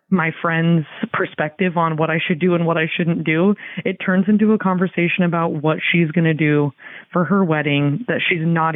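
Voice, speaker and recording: A man leaving a chatty, halting voicemail as a listener caller, full of fillers. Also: fairly high pitch, no room sound. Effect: recorded voicemail message over a phone line. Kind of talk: rambling voicemail confession. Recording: tinny phone voicemail.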